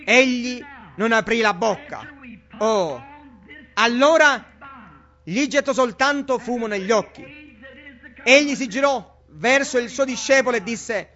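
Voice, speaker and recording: A man's voice: very high-pitched, measured pace, pauses often, sharp tone. A man preaching a fervent sermon with exclamations, on a dull lo-fi recording.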